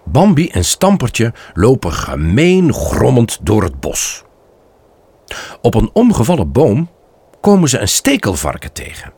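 Slow, expressive husky male storyteller. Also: mid-range voice. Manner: expressive, slow read-aloud. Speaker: narrator. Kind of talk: children's storybook reading.

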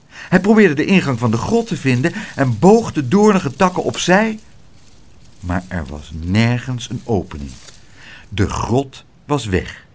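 A man reading a children's story aloud in an expressive, sing-song way. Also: medium pitch. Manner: lively, sing-song narration. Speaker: audiobook reader.

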